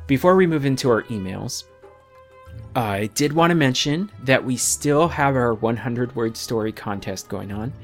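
Man, podcast host, jokey, rambling, stammering restarts, middle pitch, faint music behind. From North America. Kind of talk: casual podcast chat.

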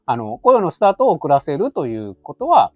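Male expert, polite explanatory talk, animated intonation, brisk pace, softened by tentative phrasing. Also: a little high. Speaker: expert guest, labor consultant. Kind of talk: conversational advice. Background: faint music.

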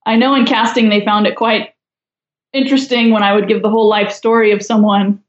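A woman's voice: mid-range voice, level tone, brisk, echoey room, muffled recording. A woman guest in a casual podcast chat, talking with a wry, chatty, judgmental humor.

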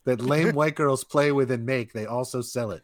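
A man's voice: medium pitch, moderate pace, dry recording, studio quality. A man co-hosting a casual sports podcast, making crude, irreverent jokes. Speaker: podcast co-host.

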